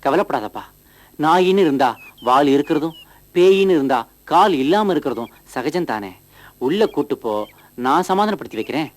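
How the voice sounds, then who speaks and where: An actor playing a naive village son-in-law in a TV comedy, fretful and easily scared. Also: male voice, fairly high pitch, expressive, close to an everyday voice. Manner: fretful and gullible, quick yelps. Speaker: comic lead actor. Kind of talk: TV comedy sketch acting.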